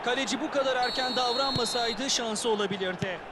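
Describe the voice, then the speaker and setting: Loud noise sits behind a male football analyst with a high-pitched voice. He co-commentates, passing opinionated judgement on the players and the run of play. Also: brisk.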